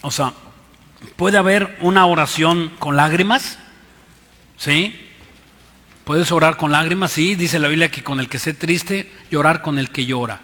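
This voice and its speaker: A man's voice: fairly high pitch, measured pace, pauses often, sharp tone. A man with a Mexican accent preaching a sermon as pastor, emphatic and repeating his key lines. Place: church hall. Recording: reverberant church hall.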